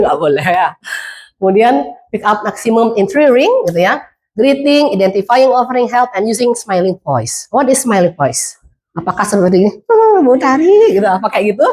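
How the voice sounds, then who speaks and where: Balinese-accented woman lecturer, middle-aged, animated, keeps asking the class stuff. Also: mid-range voice. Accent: Balinese Indonesian. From Indonesia. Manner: lively, demonstrative, asks the class questions. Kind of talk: classroom lecture mixing English phrases.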